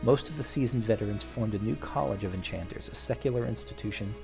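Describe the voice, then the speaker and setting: A man with a lowish, slightly fry-tinged voice talks quickly while playing a video game, thinking aloud and reading the story text. His casual commentary mixes with dramatic readings of what appears on screen, and game music plays behind him.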